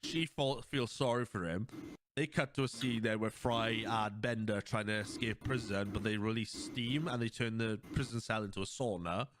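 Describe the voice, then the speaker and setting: Man, podcast host, casual rambling chat, animated retelling, faint background noise. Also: fairly low pitch, moderate pace.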